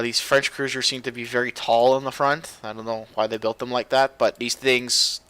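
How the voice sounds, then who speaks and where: A young man giving casual, rambling gameplay commentary as a video host, getting loud and excited at times. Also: mid-range voice, clean tone, dry recording. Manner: excitable, rambling, gets loud when animated.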